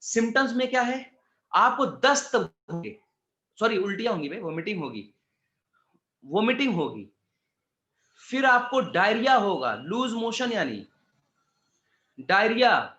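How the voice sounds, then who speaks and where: A man's voice: high-pitched, pushed and bright. A man teaching an exam-prep class in a casual, chatty way, calling students "beta" and tossing in jokes and asides. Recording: echoey room, slightly dull sound.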